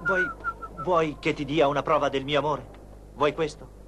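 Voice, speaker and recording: A man's voice: fairly high pitch, huge pitch swings, normal speed, bright, forceful tone, a little hiss or hum, heavily acted. A man voicing a passionate young male professor who declares his love, in a dubbed telenovela. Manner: pleading, passionate. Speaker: romantic lead.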